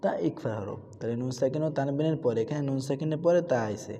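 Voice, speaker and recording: A man's voice: mid-range voice, fast, mellow, big-room sound. A man teaching Quran reading rules, asking questions and answering them himself, with repeated drills of syllables. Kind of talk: tajweed lesson with recitation drills.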